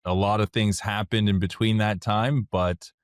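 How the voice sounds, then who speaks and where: This is a software founder from Montreal, Canada, a French speaker by birth, appearing as a guest in a casual interview about his own history. His voice is deep and low, with a steady tone at normal speed, captured close and dry without echo or room sound. He talks candidly and plainly, thinking aloud along the way.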